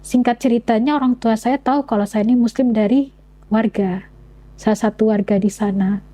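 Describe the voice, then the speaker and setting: A woman's voice: fairly high pitch, fairly even intonation, normal speed, dark tone, rough recording. A young woman telling her personal story in an interview, speaking earnestly with frequent halts and restarts. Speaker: interview guest.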